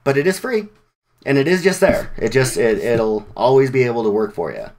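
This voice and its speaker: A man presenting at a developer meetup in a relaxed, conversational way. His voice sits at an ordinary pitch for a man. He talks informally, with plenty of slang, fillers and quick restarts. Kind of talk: casual presentation.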